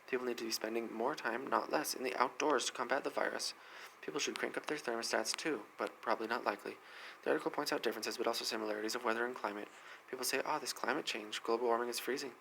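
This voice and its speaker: A man reads weather news at a brisk clip, his voice gravelly with a rough edge. He stumbles and restarts now and then as he hurries through the articles. A faint ambient hum sits underneath. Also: medium pitch, bright, forceful tone, poor audio. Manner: fast reading with frequent slips and restarts. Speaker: host of a weather news segment. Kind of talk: reading news articles aloud.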